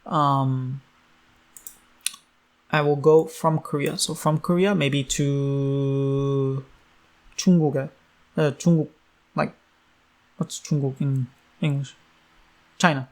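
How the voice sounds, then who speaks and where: A man's voice: medium pitch, fairly even intonation, measured pace, pauses often, darkish tone. A man teaching a language in a casual online lesson, loose and chatty with many ums.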